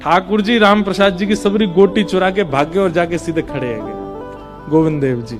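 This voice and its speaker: A man narrating a devotional story in an expressive, reverent way. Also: high voice, normal speed, over music.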